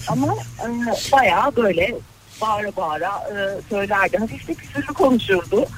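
A woman's voice: medium pitch, animated, brisk, slight background noise, rough recording. A woman calling in to a radio show, telling a family story hesitantly with many fillers. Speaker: radio caller. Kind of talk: casual phone-in chat.

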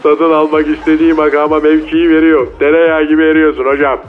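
A man's voice: a little high, flat delivery, brisk, a little hiss or hum. A man voicing a cocky, slangy male mole cricket who speaks over a phone line in a comedy radio sketch. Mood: lecturing. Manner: slangy, boastful, taunting street talk. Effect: heard over a phone line.

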